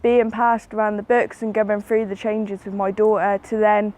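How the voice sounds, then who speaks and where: Woman, eighteen, young mother, measured, level narrow voice. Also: medium pitch, level tone, a little mellow. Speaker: care leaver and young mother. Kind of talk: interview to camera.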